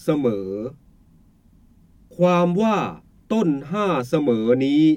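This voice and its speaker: A man teaching Thai poetry, explaining the meter and reciting verse lines in a slow, drawn-out way. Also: high voice, very animated, a little mellow, clear, resonant tone, no echo.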